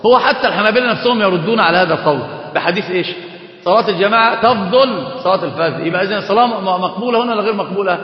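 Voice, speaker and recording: A high-voiced man with an Egyptian accent lectures at a quick clip, firing rhetorical questions and answering them himself. His voice rings through a large, reverberant hall. The recording is dull and lo-fi, like an old lecture tape. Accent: Egyptian Arabic. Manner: repeats words and restarts. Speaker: Islamic scholar teaching a lesson. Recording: echoey hall, dull lo-fi sound.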